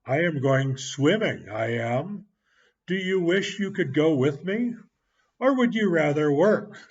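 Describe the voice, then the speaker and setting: A man reading a story aloud and voicing a teasing young boy in a raised, slow voice, on a muffled recording. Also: fairly high pitch, animated, husky, heavily acted. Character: boy named Ben, teasing and cheeky.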